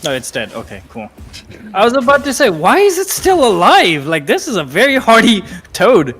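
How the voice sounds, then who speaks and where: A man's voice: high voice, wildly swooping pitch, moderate pace, husky, faint music behind. Chatty man streaming a game. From Nepal. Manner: chatty, laughs easily, reacts out loud to the game. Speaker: gaming streamer. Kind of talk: casual live-stream chat while gaming.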